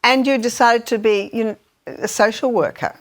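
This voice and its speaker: A woman's voice: on the high side, normal speed. Woman interviewer onstage, mid voice, eggs the guest on with questions. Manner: warm, prompting questions. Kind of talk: stage interview.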